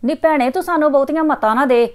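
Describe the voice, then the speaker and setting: An actress playing a middle-aged mother, defensive and quick to scold. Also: high voice, darkish tone, lightly acted.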